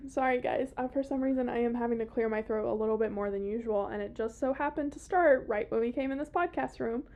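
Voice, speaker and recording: A woman's voice: a little high, a little fast, darkish tone. A young woman hosting a podcast in casual chat, giggly and chatty, swearing freely. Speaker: podcast host. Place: small podcast room.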